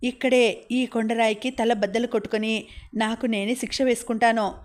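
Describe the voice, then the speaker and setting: A woman's voice: on the high side, fairly even intonation, moderate pace, lightly acted. A woman voicing an angry, aggrieved older village man who complains bitterly and indignantly. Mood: defiant.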